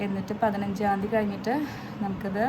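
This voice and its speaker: A woman's voice: medium pitch, flat delivery, fairly quick, background noise. A woman in her thirties chatting casually to camera at home as a family vlogger, rambling along with many hesitant filler sounds. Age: 30s.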